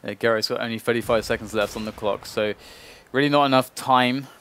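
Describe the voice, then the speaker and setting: A man's voice: mid-range voice, fairly even intonation, a little fast, a bit bright. A man working as an esports caster, giving analytical, explanatory live commentary on a shooter match.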